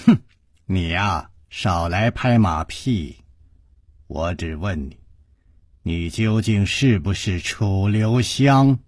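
A male storyteller voicing a cold, menacing leader of archers who talks low and threatening. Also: huge pitch swings, slow pace, a little mellow, husky, no echo, studio quality, heavily acted.

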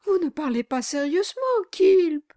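A woman voicing a meek, tearful young wife who pleads softly in a storybook reading. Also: high voice, sing-song, slow pace, no room sound, clean studio sound, voice pushed up, full character voice. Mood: pleading. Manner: pleading, soft and submissive.

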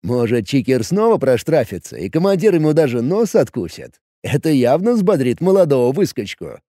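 A man's voice: mid-range voice, very animated, normal speed, dark tone, no room sound, studio quality, lightly acted. A man voicing a big veteran male goblin soldier who talks in a taunting way.

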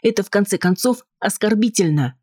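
A man lifting his voice to play a nervous, insistent wife, pitched well above his usual register, husky and sharp-edged. She pleads and snaps defensively, in a dry, close recording of an audiobook. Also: lively intonation, brisk, no echo. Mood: indignant. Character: anxious, insistent wife, adult woman.

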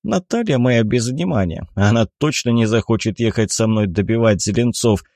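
A man reading an audiobook voices a sheepish young man. His mid-range voice is a little mellow, with lively intonation and a moderate pace. The sound is clean studio audio with no echo.

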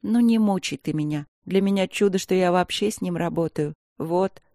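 A reader voicing a quiet, restrained woman army captain who answers her mother calmly and firmly, in an audiobook. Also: mid-range voice, moderate pace, dry recording, studio quality, lightly acted.

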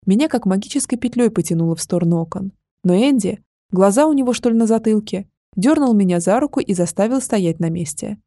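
A woman's voice: mid-range voice, fast, no echo, studio quality. Woman narrating a wry fantasy audiobook. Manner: wry, lively storytelling.

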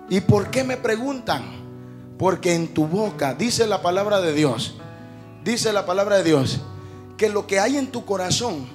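A man preaching a sermon, moving from calm storytelling to shouted exhortation and often calling out to the brothers. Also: sits high. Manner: calls the congregation brothers often.

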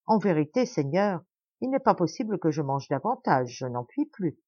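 A starving, deferential poor man, as a woman reader puts him on in a storybook tale, gushing politely over each dish. His lines lift high with lively swings. The sound is dull and lo-fi, dry and near. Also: moderate pace, no room sound. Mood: effusive, polite.

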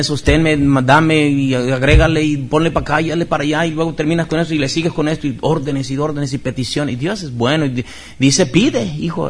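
A man with a Mexican accent preaching a sermon, swinging from loud, high outbursts to soft, low passages. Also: slightly rough. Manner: preaching with sudden loud rises and soft drops. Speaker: pastor.

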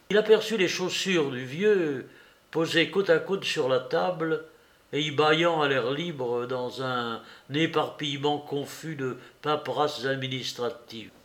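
A man reading a classic novel aloud as an audiobook narrator, measured and expressive. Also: a little high. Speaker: audiobook reader.

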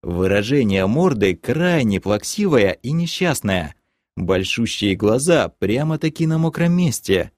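A man reading a first-person audiobook with expressive storytelling on a close mic. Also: medium pitch, measured pace, dry recording. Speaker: audiobook narrator.

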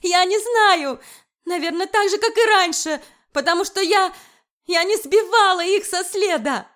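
A woman voicing a fiery young female archer who shouts back in a shrill, high voice. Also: unhurried. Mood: defiant, shouting.

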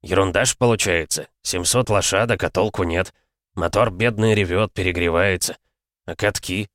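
Grumbling old tank driver voiced by a man, folksy complaints, low voice, dry sound. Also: moderate pace, a bit bright, no room sound.

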